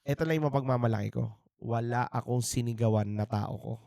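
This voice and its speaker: A Filipino man in his thirties co-hosts a podcast, giving a candid faith testimony in a mix of Tagalog and English, earnest and reflective with frequent restarts and fillers. His mid-range voice is fairly quick, with vocal fry and a dark tone. The indoor studio recording is clean and echo-free.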